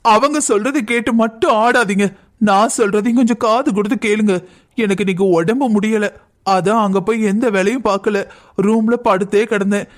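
A man voicing a resentful young daughter-in-law in a cartoon, complaining and quick to take offence. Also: high voice, lightly acted. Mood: aggrieved. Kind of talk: cartoon voice acting.

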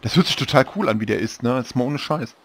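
Fast-talking man in a casual let's-play. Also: medium pitch, lively intonation, slight background noise. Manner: rambling, self-correcting, chatty. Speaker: gaming channel host.

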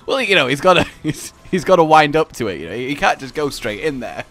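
An excitable man teasing his way through casual gameplay banter. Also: a little high, a little fast. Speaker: gaming video host. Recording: music behind the voice. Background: game music.

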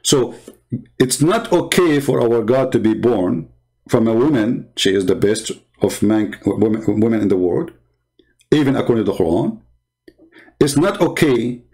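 A channel host and religious debater gives polemical commentary in non-native English, mocking, sarcastic and trading insults. His voice is lowish with a dark tone.

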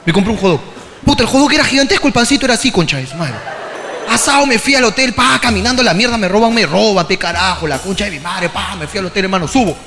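A man with a Peruvian accent telling a comic story as a podcast host, animated and profane, often breaking into shouts. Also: sits high, fast, long reverb tail, crowd noise. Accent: Peruvian Spanish. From Peru.

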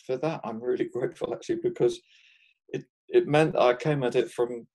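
A man in his sixties from England, a guest market gardener talking through his life in a relaxed interview, thoughtful and often chuckling, with frequent restarts. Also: mid-range voice, a little fast.

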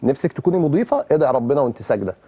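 A man's voice: medium pitch, sing-song, very fast, breathy edge, dull audio. A man with an Egyptian accent teaching children how to pray, quizzing and coaxing them with questions as he explains.

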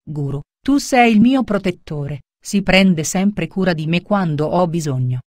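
A woman's voice: fairly low pitch, expressive, unhurried, darkish tone, no room sound, clean studio sound. A woman reading as an honest, devout merchant man. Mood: earnest. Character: honest devout male merchant, calm and humble.

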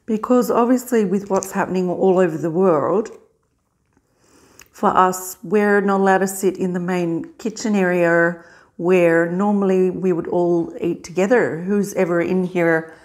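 A middle-aged woman in a casual mukbang vlog, chewing while talking in a halting, unhurried way with pauses to eat. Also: on the low side, fairly even intonation, darkish tone. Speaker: vlogger. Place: small indoor hospital room.

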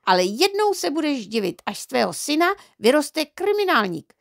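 A woman voicing an indignant mother who scolds her husband in a shrill, emphatic voice for an audiobook. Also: sing-song, vocal fry, no echo, heavily acted. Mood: angry, scolding. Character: stern, indignant mother of a small boy. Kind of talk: audiobook character reading.

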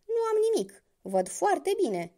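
A woman voicing a clever young male hunter in a spoken fairy tale, calm, sly and commanding. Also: high-pitched, heavily acted.

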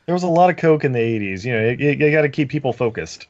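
A male guest joins a casual podcast chat with goofy, absurd tangents. His pitch moves around a lot. The sound is dull and lo-fi. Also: expressive, very fast, darkish tone.

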